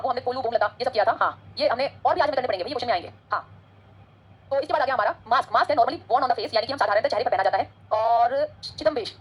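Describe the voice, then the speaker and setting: Fast-talking husky woman teacher. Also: high-pitched. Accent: Hindi-English code-switching. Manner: fast, chatty, switches between Hindi and English. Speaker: exam prep teacher. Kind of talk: online exam-prep lecture.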